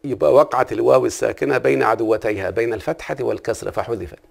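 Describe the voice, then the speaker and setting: A man's voice: medium pitch, very fast, creaky. A man with an Egyptian accent teaching a classical Arabic grammar lesson, often stopping to ask his listener questions. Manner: asks the listener frequent check-in questions.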